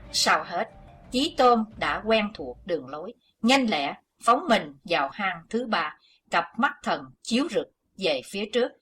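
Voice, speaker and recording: A woman narrating a martial arts novel as an audiobook, with a steady, dramatic reading. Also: on the low side. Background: background music.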